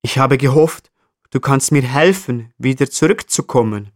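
A man's voice: mid-range voice, expressive, normal speed, no room sound, clean studio sound, close to an everyday voice. A man voicing a small, cheerful male flea in a children's story. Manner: cheerful, chatty.

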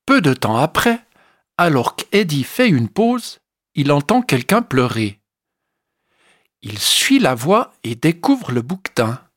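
A storyteller reading a children's animal story aloud in a slow, expressive way. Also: medium pitch, no echo, studio quality. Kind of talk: scripted children's story narration.

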